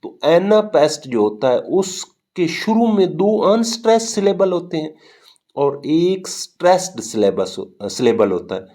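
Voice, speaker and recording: Man, teacher, warm mellow voice, patient explaining, repeats and quizzes. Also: fairly high pitch, very animated, unhurried. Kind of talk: classroom lecture on poetry.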